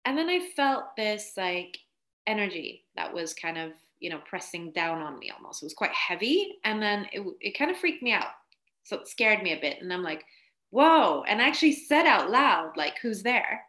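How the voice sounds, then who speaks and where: Bright-voiced chatty woman guest. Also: mid-range voice, sing-song, moderate pace. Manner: chatty, laughs often, many "like" fillers. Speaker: podcast guest, spiritual coach. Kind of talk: casual storytelling interview.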